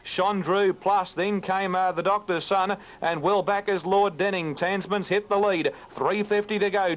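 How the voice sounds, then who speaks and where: Australian man calling a horse race. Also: poor audio. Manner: rapid, rhythmic listing of runners, rising in pitch toward the finish. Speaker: race caller.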